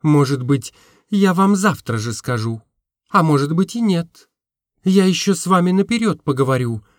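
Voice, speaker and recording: A man voicing a frank, earnest young woman who gently teases, in an audiobook reading. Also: a little high, expressive, moderate pace, no echo, clean studio sound, pitched above the performer's own voice, close to an everyday voice. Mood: earnest confiding. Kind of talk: audiobook character voice.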